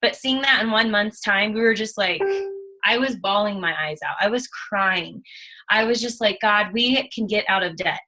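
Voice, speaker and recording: A woman in her thirties telling her own story in a casual, animated way, acting out what she and others said. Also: medium pitch, normal speed, faint music behind, rough recording. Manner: animated, emotional storytelling with quoted asides. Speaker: network marketing distributor. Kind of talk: casual testimonial chat.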